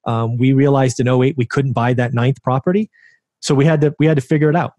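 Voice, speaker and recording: A man's voice: mid-range voice, fairly even intonation, fast talker, mellow, no echo. Chatty forties man telling his story. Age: 40s. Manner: conversational, asks rhetorical "right?". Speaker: interview guest, real estate investor. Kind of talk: casual storytelling interview.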